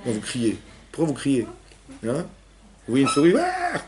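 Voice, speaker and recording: A man teaching a lively class to young women, asking questions and acting out cries and quotes. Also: mid-range voice, moderate pace, noisy background. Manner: animated, asks questions, acts out cries and quotes. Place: synagogue hall with young women students.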